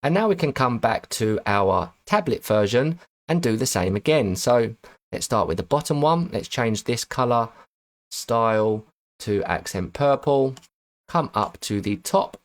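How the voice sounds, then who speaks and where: Male tutor, mid-pitched voice, methodical and self-correcting, screen-recording walkthrough. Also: lively intonation, measured pace. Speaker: web design tutor.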